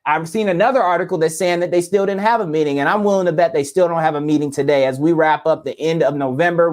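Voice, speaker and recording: A man co-hosting a casual political discussion, reading out news articles and commenting on them. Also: a little high. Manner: conversational, reads out news articles. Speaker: podcast co-host.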